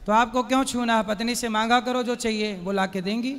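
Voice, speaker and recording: A high-pitched man gives calm, direct spiritual counsel in a question-and-answer session. His short questions ring out with a long echo in a large hall. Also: brisk. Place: large hall before an audience. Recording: reverberant hall.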